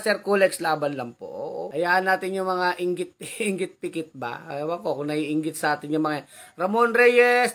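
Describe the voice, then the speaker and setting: A man's voice: sits high, fairly bright tone. A man hosting a casual live commentary vlog, reading out viewer comments with chatty, teasing asides, frequent tag questions and easy chuckles.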